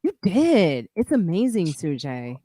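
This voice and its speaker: A woman's voice: lowish voice, sing-song, unhurried, warm tone, dry recording. Bantering woman host, dry sound. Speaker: podcast host. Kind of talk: casual chat.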